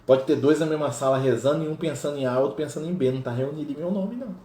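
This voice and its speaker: Man with roomy echo, mellow voice. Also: a little high, very fast. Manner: explains with many tag questions, reads passages aloud. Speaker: spiritist study group leader. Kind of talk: casual teaching talk. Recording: roomy echo with faint noise.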